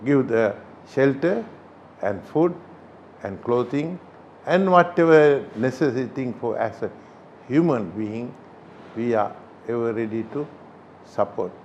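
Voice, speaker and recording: An older man from Sri Lanka, a Buddhist chief priest, answering interview questions in a halting way with many pauses. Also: medium pitch, lively intonation, darkish tone, slight background noise. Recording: slightly dull recording.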